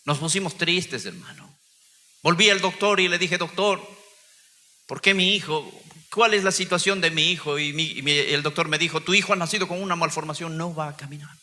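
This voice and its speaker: A man's voice: on the high side, a little fast, pushed and bright, in a large hall. A man, a pastor, giving an impassioned sermon testimony, his voice swelling and dropping.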